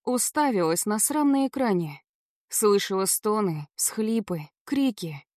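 A woman's voice: mid-range voice, lively intonation, unhurried, a little mellow, no room sound, studio quality. A woman narrating a first-person audiobook in a dramatic, tense storytelling manner.

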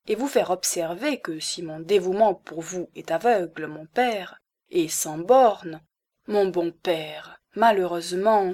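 A woman reading aloud, voicing an earnest young man who speaks clearly and firmly, in a formal, speechlike way. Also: mid-range voice, darkish tone, natural voice.

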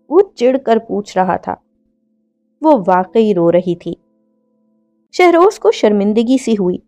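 A woman reading a novel aloud as narrator, in a steady storytelling manner. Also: fairly high pitch. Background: faint music.

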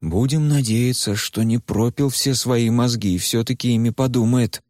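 A man voicing a protective male fire spirit in a measured, steady way. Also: mid-range voice, no room sound, studio quality, natural voice. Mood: grave. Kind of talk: audiobook character voice.

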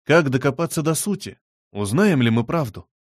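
A man voicing a brooding, thoughtful boy in an audiobook, speaking low and measured. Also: sing-song, no room sound, studio quality. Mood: pensive.

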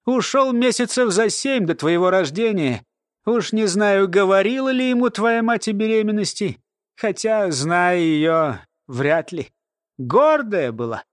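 A sardonic old woman explains and scoffs in a lecturing tone, read by a man. She sounds high and dry up close, with no room around her, in an audiobook. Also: lively intonation, a little slow, no room sound. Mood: rueful. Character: sly, grumpy old woman, a lore-keeper. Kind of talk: audiobook character voice.

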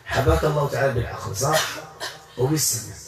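A man's voice: medium pitch, quick pace. A man working as a Quran healer, speaking in a commanding, coaxing way to a possessed patient during an exorcism session. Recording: echoey room, far from mic, loud noise.

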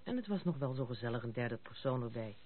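In a Dutch radio play, an actress voices a proud, outspoken young noblewoman with a bitter edge, sounding confiding. Her low, rumbling voice is expressive and fast. The old radio recording is muffled, noisy, and narrow-band.

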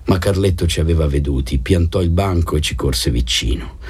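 A man reading a novel aloud in a calm, measured narration. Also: a bass voice, breathy edge. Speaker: audiobook reader. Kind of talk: scripted narration.

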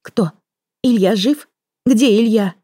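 Woman reading as a high, pleading young female killer. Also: slow pace, warm tone, dry recording, clean studio sound. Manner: pleading, breathless, rising pitch. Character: desperate young woman confessing to murders. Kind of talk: audiobook reading.

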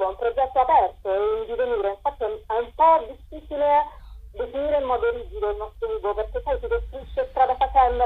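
Heard through a low-quality, thin, band-limited recording like a phone or radio line, this woman has a fairly high, breathy voice. Being interviewed as a writer and performer about her collective's show, she talks with spontaneous enthusiasm and frequently hunts for the right word.

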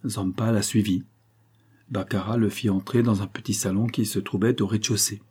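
Low husky male audiobook narrator. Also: steady tone, normal speed, darkish tone. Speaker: audiobook reader. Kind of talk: scripted narration of a classic novel.

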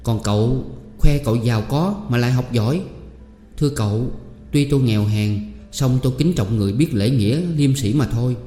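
A man's voice: medium pitch, fairly quick, dark tone, soft background music, close to an everyday voice. A man voicing a proud poor young woman who answers firmly and with indignation. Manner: indignant, firm. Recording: echoey room with long reverb.

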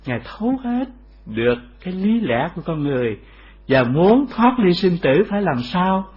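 A man giving a Buddhist dharma talk, explaining slowly and asking rhetorical questions. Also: high-pitched, very animated, husky. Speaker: Buddhist teacher. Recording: dull lo-fi recording.

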